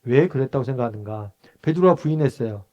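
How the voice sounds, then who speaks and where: Korean pastor teaching a Bible study. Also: male voice, mid-range voice, expressive, quick pace, dull audio. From Busan, South Korea. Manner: conversational, asks the group questions and answers them himself; acts out short quoted lines in a raised voice.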